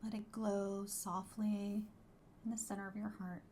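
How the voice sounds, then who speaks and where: Soft, hushed woman guiding a meditation, mellow. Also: medium pitch, flat delivery, slight background noise. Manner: soft, hushed, breathy delivery, soothing and unhurried, at times near whisper. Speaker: host, wellbeing coach and meditation guide. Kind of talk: guided meditation.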